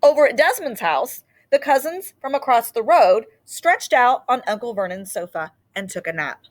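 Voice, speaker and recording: A woman's slightly high voice moves at a normal pace as she reads a children's picture book aloud with expressive, storyteller-style delivery.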